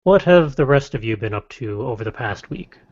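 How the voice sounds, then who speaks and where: A man's voice: medium pitch, animated, a little mellow. Man, podcast host, casual chat, wry asides, muffled lo-fi audio. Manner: wry, reads lists briskly with playful asides. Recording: dull lo-fi dry podcast audio.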